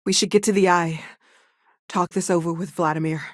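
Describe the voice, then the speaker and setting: An actress plays a curious, earnest woman researcher in a video game. Her voice sits a bit low and is recorded very dry. She speaks naturally and thoughtfully, with wry hesitations. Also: fairly even intonation, brisk, dry recording, lightly acted. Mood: concerned. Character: young-sounding woman scientist, earnest, curious, wry explorer. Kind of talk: video game dialogue, conversational acting.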